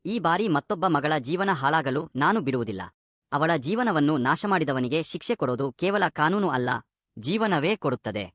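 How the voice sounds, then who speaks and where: A man voicing an elderly, kind company chairman with a measured, solemn manner. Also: fairly high pitch, lively intonation, fairly bright tone, no room sound, studio quality.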